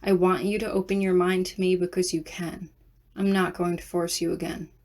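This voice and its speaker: A woman voicing a guarded, brooding young male dark warrior in a fan fiction audiobook, speaking slowly and curtly in a low, clipped way. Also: level tone, close to an everyday voice. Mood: terse. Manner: slow, clipped, low delivery.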